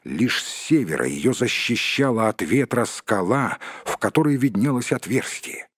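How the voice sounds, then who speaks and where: Husky-voiced male narrator, dry and close, steady storybook reading. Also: mid-range voice, moderate pace, dry recording. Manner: steady storytelling, addresses listener. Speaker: audiobook narrator. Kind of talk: scripted narration.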